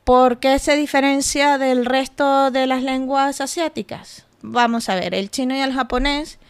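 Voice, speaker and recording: A woman's voice: high voice, fairly even intonation, unhurried, smooth. A woman hosting a podcast, explaining step by step in a casual way with asides and rhetorical questions. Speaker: podcast host.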